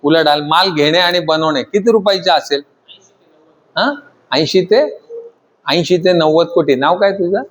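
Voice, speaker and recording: A man teaching a class of trainees, constantly questioning the students and urging them to answer louder. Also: on the high side, unhurried, pauses often. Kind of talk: classroom lecture.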